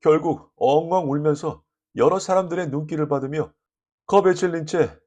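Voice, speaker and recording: A man reading a short story aloud as an audiobook narrator, lively and expressive, voicing the dialogue. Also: on the high side, moderate pace.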